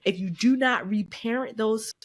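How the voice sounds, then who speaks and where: Animated woman podcast co-host, lively delivery. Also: on the high side, normal speed. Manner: animated, acts out quoted voices. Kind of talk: casual heartfelt chat.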